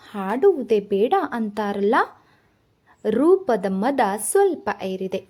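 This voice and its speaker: Slow, husky woman reading a novel. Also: mid-range voice, dark tone. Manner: slow, measured, reflective. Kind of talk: first-person novel narration.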